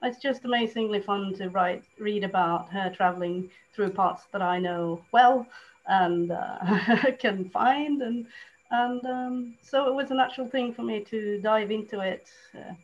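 A woman's voice: mid-range voice, measured pace. Woman from Norway on muffled call. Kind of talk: casual panel remarks. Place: indoors, on a video call. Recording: dull, noisy video call.

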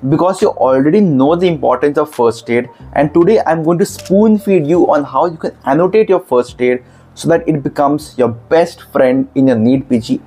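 A man at an ordinary middle pitch explains medical exam material step by step. He speaks emphatically and stops often to check with the listener. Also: dark tone. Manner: explanatory, emphatic, repeats 'okay'. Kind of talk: screen-demo lesson.

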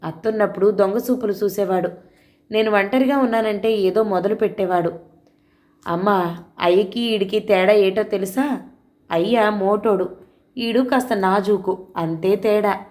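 A teenage village girl, frightened yet defiant, pleads earnestly as she recounts her ordeal, voiced by a woman storyteller. The audio storybook reading stays at an ordinary, middle pitch. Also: normal speed, a little mellow, close to an everyday voice.

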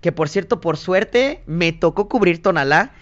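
Man, Mexican Spanish accent, young adult, animated storyteller, slightly high pitch, muffled lo-fi audio. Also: unhurried. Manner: animated, quotes others in lively asides. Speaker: guest, singer and TV reporter. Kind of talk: casual interview storytelling. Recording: dull lo-fi podcast audio.

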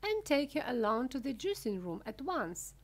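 A woman's voice: high voice, sing-song, moderate pace, voice pushed up, heavily acted. A woman voicing an eccentric male sweet-maker in a storybook, rueful and matter-of-fact. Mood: brisk, reassuring.

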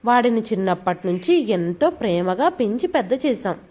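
A woman voicing a meek older father-in-law in a storybook, pleading gently. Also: on the high side, big pitch swings, normal speed.

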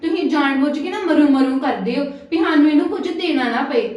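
Casting: a woman as a high-voiced, quarrelsome Punjabi sister-in-law, recorded far off in a very echoey room. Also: muffled recording, natural voice. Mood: complaining. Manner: quarrelsome, complaining, quick to take offence. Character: young married woman, sister-in-law demanding money, sharp-tongued. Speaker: actor in a family drama. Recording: very echoey room, mic at a distance.

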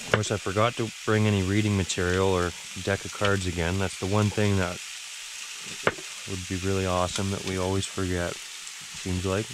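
Relaxed man chatting outdoors. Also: low-pitched, normal speed, background noise. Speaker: outdoor vlogger. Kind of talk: casual camping chat. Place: heated tent on a frozen lake, then truck cab.

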